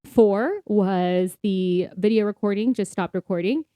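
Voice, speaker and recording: A woman co-hosts a podcast in a relaxed, chatty way, staying upbeat and laughing often as she talks. Her mid-range voice is warm and smooth, and she speaks a little slowly. The recording is clean, with no room sound.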